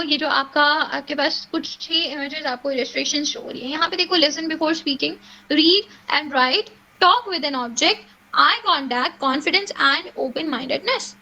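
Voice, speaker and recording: A woman's voice: sits high, sharp tone, dull audio. A young woman teaching a communication skills class in a chatty lecture style, often checking in with her listeners. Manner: chatty, mixes English phrases, repeats "ठीक है?" to check in.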